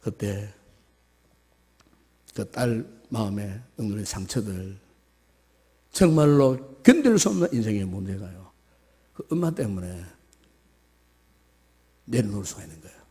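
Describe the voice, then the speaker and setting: Male pastor, sermon, husky gravelly voice, lively swooping pitch, long church reverb. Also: a little slow, long pauses. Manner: swings between soft low musing and loud high-pitched exhortation; acts out quoted voices of a tearful daughter and her mother. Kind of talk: Sunday morning sermon. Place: church sanctuary.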